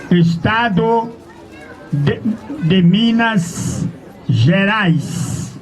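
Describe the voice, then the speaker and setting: A man preaching an open-air sermon, questioning his listeners and drawing out verse references. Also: sits high. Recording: dull lo-fi outdoor recording.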